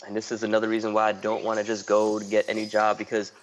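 A man's voice: lowish voice, completely flat delivery, fast talker, heavy background noise. A man chatting casually as a guest artist, rambling, filling his talk with "like" and restarts and swearing freely. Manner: rambling, heavy use of "like" and restarts. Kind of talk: casual podcast chat.

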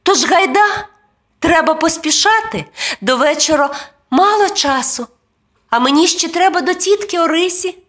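A woman voicing an eager, brave little boy in a children's storybook, with high, excited exclamations. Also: normal speed.

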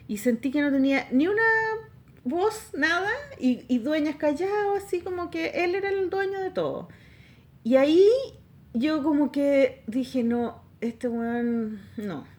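Animated Chilean woman telling a story. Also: high-pitched, moderate pace. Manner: animated storyteller acting out quoted voices. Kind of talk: casual chat.

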